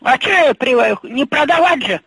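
A woman's voice: high-pitched, expressive, moderate pace, a bit bright, dry recording, low-quality recording. An older woman on the phone who cannot hear well, repeating herself in confusion.

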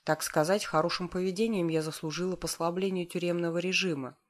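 A woman's voice: on the low side, fairly even intonation, a little fast. Woman narrating a first-person novel. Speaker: audiobook narrator.

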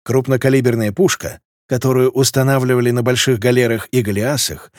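A man's voice: medium pitch, flat delivery, brisk, no room sound, clean studio sound. A man reading a dramatic naval battle story as scripted audiobook narration.

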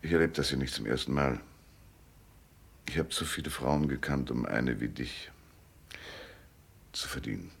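A male actor gives an exaggerated performance as a jaded, cynical private eye in a German radio play, using a deep, gravelly voice and a terse, knowing manner. He talks at normal speed but leaves long pauses, sounding tender yet resigned.

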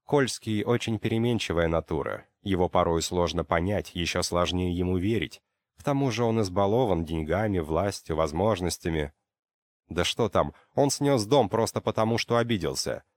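A man narrating an audiobook in a steady, measured reading. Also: low voice, no room sound. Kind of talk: scripted narration.

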